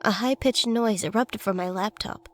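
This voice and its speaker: A woman's voice: medium pitch, normal speed. A woman reading a scripted first-person horror story as its narrator. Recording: faint noise and ambience behind voice.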